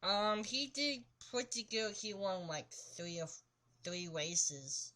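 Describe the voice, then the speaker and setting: A woman chats casually about sports in short, simple remarks. She speaks slowly, with a bright, forward voice. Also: medium pitch. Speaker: sports talk show co-host.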